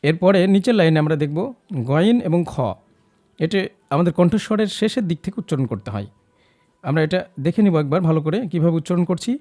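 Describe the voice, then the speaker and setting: A man's voice: on the high side, quick pace, mellow, no room sound. Patient man teaching letter sounds, dry. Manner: patient, encouraging, models sounds for the viewer to repeat. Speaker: Quran recitation teacher. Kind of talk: step-by-step recitation lesson.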